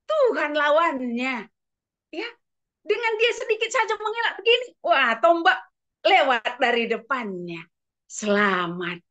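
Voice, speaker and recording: A woman preacher telling a story in a sermon, animated and full of exclamations, in a dull lo-fi recording. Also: sits high, a little slow.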